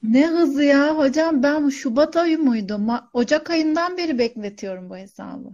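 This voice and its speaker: A woman's voice: high voice, normal speed, darkish tone. A woman chatting casually as a student, telling about her online selling and asking questions, on a slightly lo-fi recording. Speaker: coaching student, online seller. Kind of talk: casual question-and-answer chat. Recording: slightly dull, lo-fi sound.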